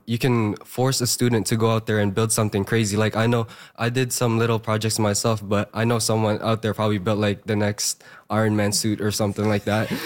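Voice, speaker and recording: A young man who has just graduated high school speaks hoarsely as a guest on a radio interview. He talks earnestly, using a lot of fillers.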